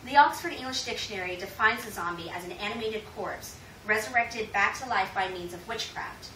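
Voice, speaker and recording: At a fairly quick pace and medium pitch, a woman from the United States presents a rehearsed informative speech in a formal, rhetorical way. The indoor room is echoey, the mic is distant, and the noise is loud as she addresses her audience.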